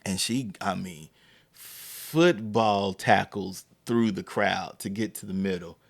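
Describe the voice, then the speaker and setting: Slow and creaky, this man's lowish voice carries a personal story on his podcast. As host, he stays animated and performs each quote.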